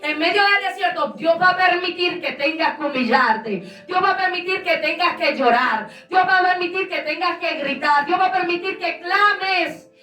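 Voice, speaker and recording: A woman's voice: very high voice, normal speed, hardly any pauses, pushed and bright, reverberant, far from the mic, faint music behind. A woman pastor giving a fervent sermon in a repetitive preaching cadence.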